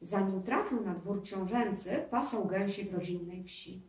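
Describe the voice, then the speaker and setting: A woman's voice: medium pitch, measured pace, a little mellow, natural voice. Woman reading as Boguś, a proud castle ghost. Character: friendly old castle ghost, proud and knowing. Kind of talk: children's story reading. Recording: roomy, distant mic.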